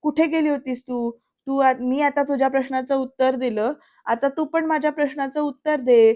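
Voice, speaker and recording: A woman voicing a calm, teasing young male politician, in slow and deliberate speech on a slightly dull recording. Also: high-pitched, natural voice.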